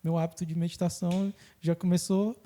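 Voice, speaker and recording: A man hosting a podcast, explaining things in casual talk and acting out the people he quotes in lively voices. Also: high voice. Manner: animated, acts out quoted people in quick voices. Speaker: podcast host.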